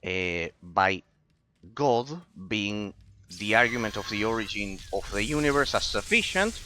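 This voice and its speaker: Bright-voiced man gaming and chatting. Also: lowish voice, expressive, measured pace, slight background noise. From Argentina. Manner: rambling, repeats phrases, talks philosophy. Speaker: gaming streamer. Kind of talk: casual commentary while gaming, replying to chat.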